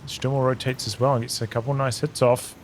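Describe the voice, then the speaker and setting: A man giving relaxed, analytical play-by-play commentary on a strategy game replay, thinking aloud as the match unfolds. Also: mid-range voice, brisk, background noise. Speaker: game caster. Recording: game battle sounds over the voice. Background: game gunfire and artillery.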